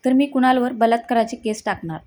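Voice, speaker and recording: A woman's voice: on the high side, fast talker, darkish tone, lightly acted. A woman voicing a brazen young woman who mocks and blackmails a family, in a storybook narration. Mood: taunting. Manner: smug, mocking.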